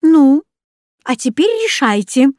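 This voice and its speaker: Brief: strict ironic schoolteacher, read by a woman, slow and formal. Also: high voice, expressive, darkish tone, no room sound, pitched above the performer's own voice. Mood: stern. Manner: dry, ironic formal address. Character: stern sarcastic male math teacher.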